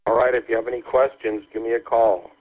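A man's voice: mid-range voice, flat delivery, quick pace. A man working as a radio operator, giving casual call-sign replies over a crackly two-way radio. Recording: tinny narrow-band radio.

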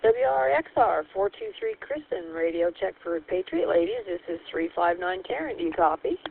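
A woman's voice: on the low side, big pitch swings, normal speed, gravelly, slightly rough, no echo. A woman hosting a radio net, working through call signs in a cheerful, formal radio manner, heard over a two-way walkie-talkie. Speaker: radio net control host. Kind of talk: running on-air radio check-ins. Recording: tinny narrow radio channel with faint hiss.

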